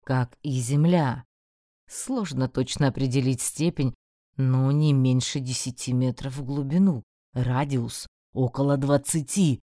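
A woman puts on a detached male professor for an audiobook. His voice is very deep and dry-sounding, and each word comes out calm and measured. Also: no room sound.

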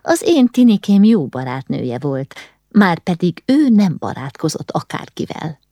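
A woman's voice: fairly low pitch, big pitch swings, dark tone, dry recording, studio quality. A woman voicing a sniffling, tearful noblewoman grieving her daughter, in an audiobook.

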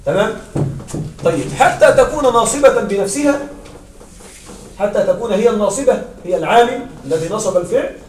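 A man's voice: high voice, expressive, fairly quick, long pauses, a little mellow, a little hiss or hum. A man teaching an Arabic grammar lesson to a class, often stopping to check that his students follow. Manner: checks understanding with frequent questions to students. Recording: echoey room from far off.

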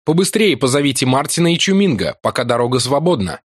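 A man voicing a male explorer who shouts urgent orders in alarm, much higher and louder than his reading voice. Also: lively intonation, quick pace, husky, no echo, clean studio sound.

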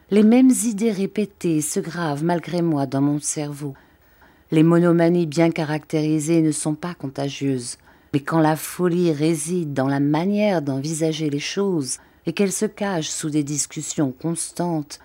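A woman's voice: deep voice, warm tone. A woman reading the part of an earnest young man urging the woman he loves, in an audiobook.

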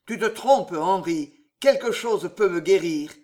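A man's voice: high voice, animated, unhurried, darkish tone. A man voicing an anguished young nobleman who commands his brother to tell the truth, in a storybook reading. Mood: tormented. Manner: commanding, tormented.

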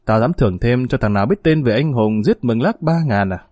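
A man's voice: mid-range voice, expressive, a little fast, darkish tone, no echo, studio quality, lightly acted. Man voicing a brash young street hoodlum. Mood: mock-bossy. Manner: rough, bossy swagger.

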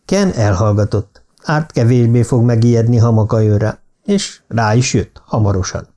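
Guy narrating a thriller audiobook, steady and even, warm low tone. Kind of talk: audiobook reading of a thriller novel.

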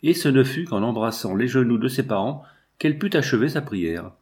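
A man narrating a classic novel aloud in a measured, earnest reading. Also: medium pitch, animated, a little mellow. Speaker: audiobook narrator.

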